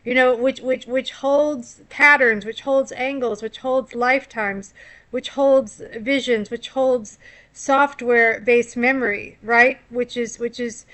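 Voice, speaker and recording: High bright-voiced woman, slow rambly spiritual talk, keeps repeating herself. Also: steady tone. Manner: rambling, repeats and restarts words, wordplay; laughs at own puns. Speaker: esoteric astrology commentator.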